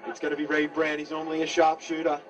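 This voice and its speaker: An Australian man gives live play-by-play of a football match. His voice sits a bit high and climbs when play gets exciting. He is picked up slightly away from the microphone. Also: fast, lo-fi sound, crowd noise. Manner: builds to excited raised-voice calls. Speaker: local radio football commentator. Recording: slightly distant mic.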